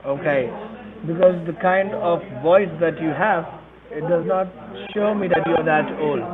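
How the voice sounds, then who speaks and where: A man with a fairly high voice lectures and doubts the caller. The sound is thin and phone-like, with a busy crowd murmuring behind him. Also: measured pace. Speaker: scam caller posing as an officer. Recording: tinny phone line with call-center crowd noise.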